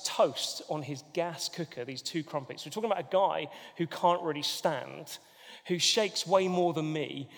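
A man's voice: a little high, a bit bright. A man preaching a sermon to his church, telling everyday stories and driving home earnest points. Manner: storytelling, earnest, builds to emphatic points. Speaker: pastor. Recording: long hall reverb.

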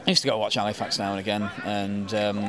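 Against crowd noise, this English football fan in his thirties talks fast in a low, level voice with a Manchester accent. The interview is casual, with plenty of ums and restarts.

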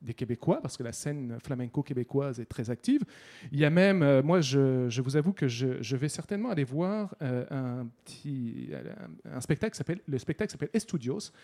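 A man, chatting casually on the radio and halting often with restarts as he promotes events. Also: medium pitch, expressive, a little mellow. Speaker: festival guest columnist.

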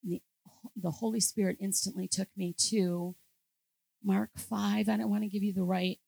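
A woman preacher with a gravelly edge to her voice, telling a story to her congregation. She speaks emphatically and pushes toward forceful declarations. The sound is dry and close. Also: mid-range voice, flat delivery, moderate pace, dry recording, poor audio. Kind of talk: storytelling sermon.

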